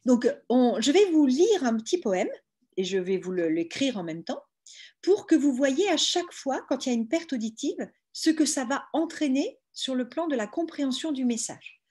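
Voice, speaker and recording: Speaking over a video call, a woman delivers an explanatory lecture on hearing, working through every point patiently and step by step, with frequent "hein" and "bah." Her voice is high and sing-song, a little mellow with a breathy edge, at a moderate pace.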